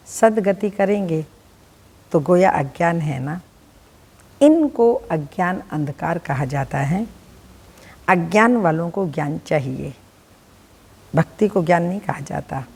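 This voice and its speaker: A woman with a Hindi accent giving a measured, deliberate devotional reading of a spiritual discourse. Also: on the low side, in a large hall, poor audio. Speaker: spiritual teacher reading the daily lesson.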